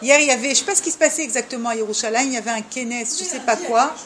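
A high-voiced woman leads an informal religious talk for a group, speaking straight to her listeners. She stays animated and acts out small dialogues as she goes. Faint room noise sits behind her voice. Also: very fast. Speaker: leader of a women's discussion group.

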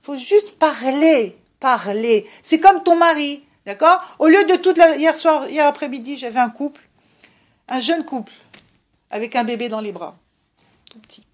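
High-pitched woman preaching casually, gets loud then drops to a murmur, keeps asking you get it?. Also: unhurried. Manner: animated, swings between loud emphasis and soft murmur. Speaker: religious speaker giving advice. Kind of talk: informal religious talk.

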